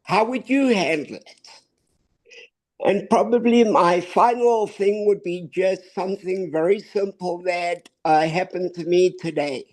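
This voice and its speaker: A man with a voice affected by illness gives a measured, earnest public comment, posing pointed questions deliberately. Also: high-pitched, darkish tone. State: ill with covid, affected voice. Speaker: public commenter at a board meeting.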